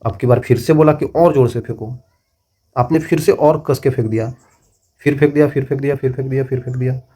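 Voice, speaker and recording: A man's voice: medium pitch, fairly even intonation, a little fast, warm tone, husky. A middle-aged man teaching a physics lesson, explaining with repeated checks and everyday examples. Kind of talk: classroom lecture.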